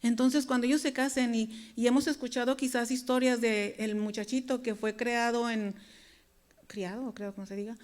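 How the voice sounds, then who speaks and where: Woman preaching, bright higher voice. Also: fairly even intonation, normal speed. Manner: earnest, conversational, addresses the congregation directly. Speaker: preacher and worship leader. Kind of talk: sermon.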